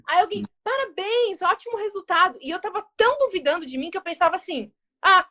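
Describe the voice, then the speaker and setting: A woman's voice: very high-pitched, quick pace. A woman diplomat from Brazil, telling a story in an interview and acting out the quoted dialogue. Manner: animated, acts out quoted dialogue.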